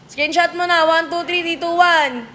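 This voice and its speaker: A woman's voice: extremely high pitch, steady tone, normal speed, bright, forceful tone. A woman hosting a casual live stream, answering viewer comments with playful, teasing comebacks. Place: billiards venue.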